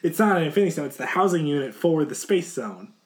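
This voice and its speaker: A man's voice: a little high, lively intonation, fast. Young man hosting a podcast, argumentative. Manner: argumentative, insistent. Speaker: podcast host. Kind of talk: casual podcast chat.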